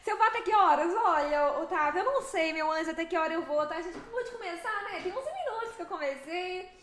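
A young Brazilian woman streaming a driving game, chatting with viewers in a lively, fast way and laughing often. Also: very high voice, echoey room. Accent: Brazilian Portuguese. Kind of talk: live stream chat with viewers.

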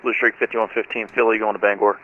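A man's voice: lowish voice, little pitch movement, fast, soft background music. A man as a pilot making calls and readbacks to air traffic control over a tinny radio. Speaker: simulator pilot calling the controller. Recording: tinny, band-limited aviation radio.

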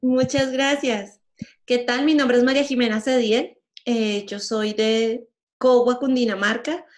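A Colombian woman in her thirties speaks in a fairly high voice, earnest and measured, pausing often as she gives an online workshop. She is heard through a webcam on a video call from a room at home. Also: steady tone, a little hiss or hum. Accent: Colombian Spanish. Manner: earnest, measured, with frequent pauses.

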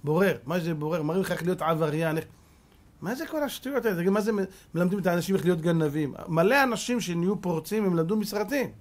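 A man in his fifties, a rabbi giving a Torah sermon, preaching in an animated, scolding way with rhetorical questions. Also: sits high.

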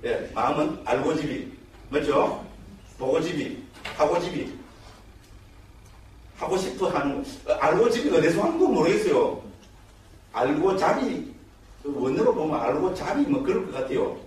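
Lively monk lecturing in an echoey hall. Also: male voice, fairly high pitch, normal speed, distant mic, a little hiss or hum. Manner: lively, checks in constantly with rhetorical questions. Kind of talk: dharma lecture. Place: temple education hall.

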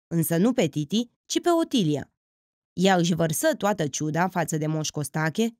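A woman narrating an audiobook with expressive, character-driven reading. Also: fairly low pitch, no echo, studio quality. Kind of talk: scripted literary narration.

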